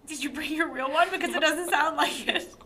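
A woman's voice: sits high, a little fast, sharp tone. A woman reading a silly story aloud and teasing her co-host with dry wisecracks. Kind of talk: comedic reading with banter.

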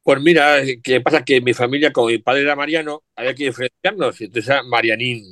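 A man's voice: mid-range voice, steady tone, fast, a bit bright, no room sound, studio quality. A middle-aged man chatting reflectively about family words, with frequent asides. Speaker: guest. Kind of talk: casual chat.

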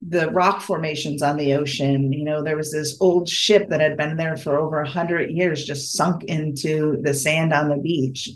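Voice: medium pitch, steady tone, normal speed, few pauses. A podcast host talking alone, eager and rambling, often breaking off and restarting sentences. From United States. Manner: enthusiastic, rambling, self-correcting. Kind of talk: casual solo podcast monologue.

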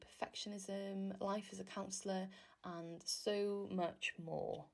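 A young Welsh woman whose first language is Welsh hosts a casual solo podcast, speaking alone in a relaxed, rambling, chatty way full of fillers. She's self-deprecating, and her medium-pitched voice carries a noticeable vocal fry throughout.

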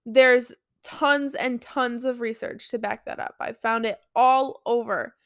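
A woman's voice: a little high, fairly even intonation, a little slow, no echo, clean studio sound. A young woman hosting her own podcast, talking casually and earnestly, with lots of fillers. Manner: earnest, chatty, many fillers. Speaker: podcast host. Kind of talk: casual solo podcast talk.

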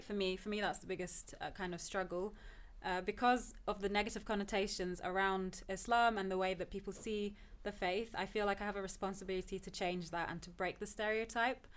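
A young woman's medium-pitched voice stays steady at a normal speed as she reflects in a personal, conversational podcast chat. She grew up in Turkey until ten, then moved to England, and she is on the show as a guest PhD student.

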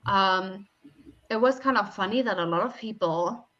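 A young woman guesting on a podcast answers questions conversationally with practical advice, groping a little for how to phrase things. She speaks at medium pitch and moderate speed with a fairly bright tone, and the audio has its highs cut off.

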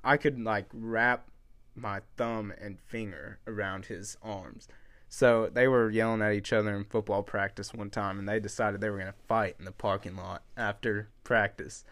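A man's voice: on the low side, normal speed, no echo. Laughing young man telling stories. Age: young adult. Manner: animated storytelling, laughing, swearing. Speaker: podcast host. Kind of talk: casual chat.

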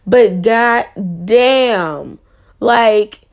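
A woman's voice: on the high side, very slow, vocal fry, lo-fi sound. Impassioned, blunt young woman venting. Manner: impassioned, blunt, swears freely. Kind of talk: candid personal monologue.

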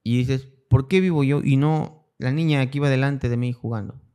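A man's voice: mid-range voice, normal speed, warm tone, smooth. Man, young adult, Mexican Spanish accent, interview guest, storytelling, acts out quoted voices. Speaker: guest, cancer survivor. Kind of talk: casual conversational interview.

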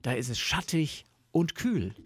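A man's voice: on the high side, sing-song, unhurried, slightly rough, voice pushed up, exaggerated voice. A man voicing a fretful, complaining male fox in a storybook reading, in a raised, plaintive voice. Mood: dreamy.

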